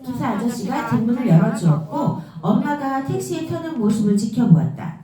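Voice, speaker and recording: A woman reading a novel aloud in a steady storytelling manner. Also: a little high, normal speed, a crowd in the background. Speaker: book reader. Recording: very roomy echo, mic far off.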